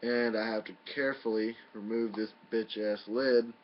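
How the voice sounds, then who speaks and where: A man's voice: lowish voice, steady tone, normal speed, a little hiss or hum. A man giving a casual, folksy and mildly profane review in a home video. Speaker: product reviewer. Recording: muffled lo-fi home video audio.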